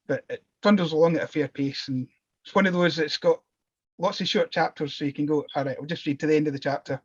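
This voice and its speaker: A man's voice: fairly high pitch, husky, lo-fi sound. A man in a book club panel, rambling and thinking aloud about a novel. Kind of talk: casual book discussion.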